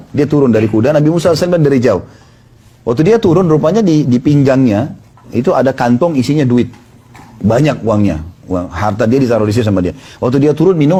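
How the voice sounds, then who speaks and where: A man's voice: medium pitch, mellow, slightly rough. A male preacher telling stories in a sermon, narrating and quoting the people in them. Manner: narrates tales with quoted dialogue. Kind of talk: storytelling sermon.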